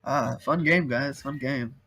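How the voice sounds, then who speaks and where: A young male player talks in a casual post-game interview. He is laid-back and a little shy, and laughs easily. His voice sits at a middle pitch. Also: unhurried, pushed and bright.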